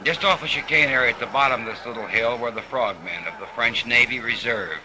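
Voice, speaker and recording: A man narrating race footage on an old 1950s film soundtrack, relaxed and dropping wry asides. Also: medium pitch, fairly quick. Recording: hissy, noisy vintage film recording.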